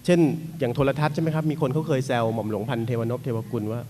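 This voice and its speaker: A man moderating an academic seminar, introducing the panelists in a polite, unhurried manner. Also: mid-range voice, darkish tone. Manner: polite, unhurried, frequent particle "na khrap".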